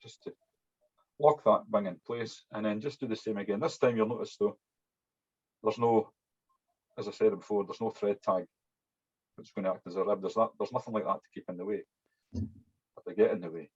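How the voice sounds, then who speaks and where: A fly-tying instructor speaks at normal speed but pauses often, his lowish voice breathy-edged with fairly even intonation. Broadly and strongly Scottish in accent, he gives an informal hands-on demonstration, chatty and often adding "yeah" to sentences. The lo-fi recording is dull and muffled.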